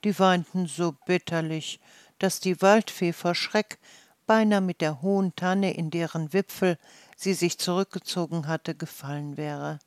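A calm storyteller reading a fairy tale aloud at an unhurried, deliberate pace. The telling is measured and even, recorded close and dry with no room sound. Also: mid-range voice, clear, resonant tone, no room sound. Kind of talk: slow read-aloud fairy tale narration.

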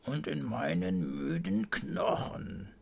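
A man's voice: on the high side, huge pitch swings, slow, vocal fry, darkish tone, slightly rough, full character voice. A man voicing a sleepy, teasing old grandfather in a storybook reading, mumbling and drowsy.

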